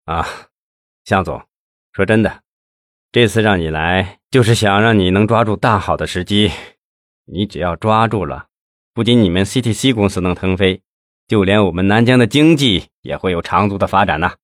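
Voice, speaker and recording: A hearty, flattering middle-aged businessman who is always selling himself, as a male narrator plays him. He talks low and smooth, and the recording is dry and close with no room sound. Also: normal speed, no room sound, natural voice. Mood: persuasive. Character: scheming middle-aged male official-businessman, glib and boastful.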